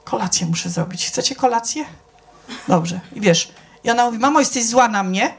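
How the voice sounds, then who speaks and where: A middle-aged church speaker gives an informal, chatty sermon in a slightly high voice with lively intonation and vocal fry, at normal speed. She keeps checking whether the audience is following and changes her voice to act out the people she quotes.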